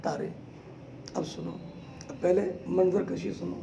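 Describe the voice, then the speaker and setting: A man teaching a class, explaining slowly term by term, asking his students question after question and calling them "beta". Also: sits high, steady tone, gravelly, noisy background. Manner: quizzes students with repeated questions; addresses listeners as "beta". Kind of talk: classroom lecture.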